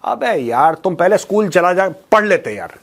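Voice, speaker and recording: In a high, sing-song voice at a moderate pace, a man hosting a news commentary show gives viewers his informal, opinionated views on current affairs. He is mocking and colloquial, relies on rhetorical questions, repeats phrases for emphasis, and mixes English in.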